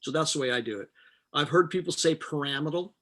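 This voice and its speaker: A man's voice: a little high, quick pace, fairly bright tone. A middle-aged man teaching a chemistry class, explaining step by step with patient jokes. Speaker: chemistry instructor. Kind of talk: live online chemistry lecture.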